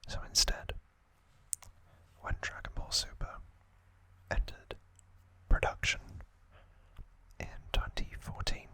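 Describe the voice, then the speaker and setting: Speaking in an unvoiced, breathy whisper close to the mic, a man hosts ASMR trivia with slow, elongated phrasing and plenty of pauses. There's a sharpness to his tone.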